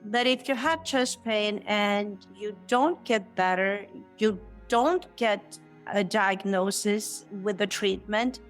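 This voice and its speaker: A middle-aged woman from Sweden, a cardiologist guest speaking in a warm, reassuring way, laughing often and repeating words. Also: mid-range voice, takes it slowly, faint music behind. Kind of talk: conversational interview.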